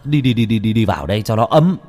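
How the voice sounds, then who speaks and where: A man voicing a blunt, grumpy older village man who curses and scoffs, with a lively, lowish voice. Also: normal speed, faint music behind. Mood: irritated. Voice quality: gruff, cursing, mocking.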